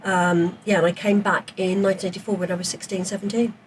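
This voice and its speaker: A woman in her fifties tells her story at a quick clip, lively and chatty as a podcast guest. She sits a little back from the mic. A faint hiss hangs behind her. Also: medium pitch, far from the mic. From England, raised in South Africa. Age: 50s. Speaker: podcast guest, former police officer. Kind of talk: casual interview chat.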